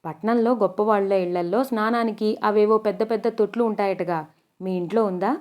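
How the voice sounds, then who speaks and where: This is a blunt older village woman in a read-aloud novel, and she can't stop prying into other people's business, as a woman puts her on. Her pitch sits in the middle range. Her tone is tactless and teasing. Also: steady tone, fairly quick, darkish tone, natural voice.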